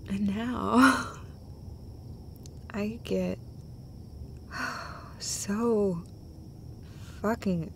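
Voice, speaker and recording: Playing a doting girlfriend, a woman performs an intimate comfort roleplay as one half of a conversation. Her mid-range voice is tender and emotional, halting, and often slips to a breathy whisper, while a faint hiss or hum sits underneath.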